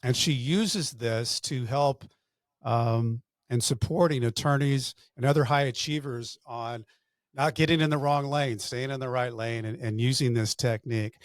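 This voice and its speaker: A man's voice: medium pitch, measured pace, no room sound, studio quality. A man hosting an interview podcast, talking conversationally with fillers and restarts. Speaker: podcast host. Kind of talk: interview podcast with sponsor read.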